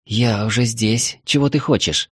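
A man's voice: mid-range voice, measured pace, slightly rough, dry recording, clean studio sound. A male reader voicing a frightened young woman from the capital, anxious and pleading. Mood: wary. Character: frightened young Moscow woman on a river trip.

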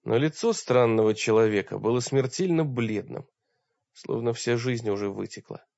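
Male audiobook reader, steady storytelling, muffled and dry. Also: mid-range voice, normal speed, vocal fry, no room sound. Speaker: audiobook narrator. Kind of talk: scripted narration. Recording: dull dry recording.

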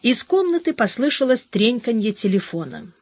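A woman narrating an audiobook in an even storytelling manner. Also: fairly high pitch, normal speed, dry recording. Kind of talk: scripted narration.

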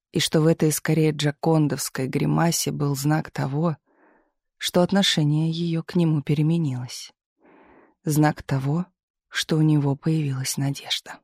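A narrator reading a novel aloud in scripted narration with an even storytelling delivery. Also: mid-range voice, husky, dry recording. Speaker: audiobook narrator.

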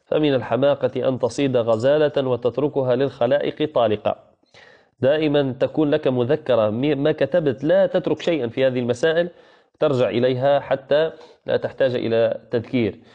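Male tajweed teacher, patient, repeats key points and chants examples slowly; medium pitch, slightly muffled recording. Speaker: Quran recitation teacher. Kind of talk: online tajweed lesson.

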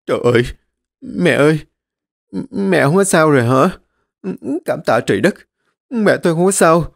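A man's voice: fairly high pitch, lively intonation, normal speed, creaky, no room sound, clean studio sound, pitched above the performer's own voice. A man voicing a poor young son in an audiobook, pleading and choked with tears. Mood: tearful relief. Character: young adult son, poor, tearful and devoted. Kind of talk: audiobook character reading.

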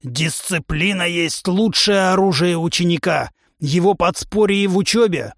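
A man's voice: high voice, a little slow, dry recording, clean studio sound, pitched above the performer's own voice. Male reader playing a blustering beast-man drill instructor for an audiobook, raised voice, barking orders. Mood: bellowing. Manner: bellowing, blustering drill-sergeant delivery. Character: huge hot-tempered male musk-ox humanoid club trainer. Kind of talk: audiobook character voice.

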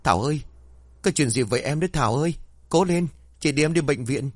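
An anxious, caring older sister calling out in alarm, as a male storyteller puts her on. The pitch is raised well above his own, the delivery urgent and lively. Dry, close sound. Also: fast, slightly rough, dry recording. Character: worried caring older sister, young woman.

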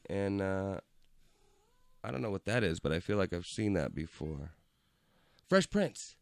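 Young male podcast host, low-pitched, dry close sound, easygoing and profane. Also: expressive, a little slow, vocal fry, no room sound. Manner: laid-back, swears freely, lots of "like" and "dude". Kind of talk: casual chat. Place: indoor room with cameras. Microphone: studio mic.

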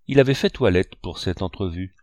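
A male audiobook narrator telling the story in a measured, expressive way. His voice sits low yet moves through a wide pitch range. The recording is dry and close, with no room sound. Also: no room sound.

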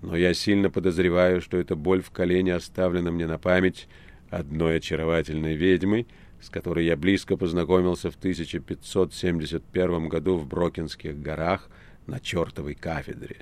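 A man voicing an imperious ancient male devil, speaking in a measured, commanding drawl. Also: low voice, little pitch movement, darkish tone, close to an everyday voice. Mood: musing.

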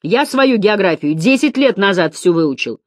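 A woman voicing an insolent teenage schoolboy in an audiobook, shrill and whining. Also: lively intonation, moderate pace, dry recording, clean studio sound, natural voice.

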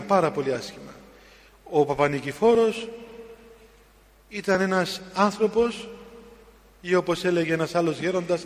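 Middle-aged priest preaching, slightly high voice, grave story pacing, big reverberant hall. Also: male voice. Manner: slow, grave storytelling with sudden emphatic rises. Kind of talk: sermon.

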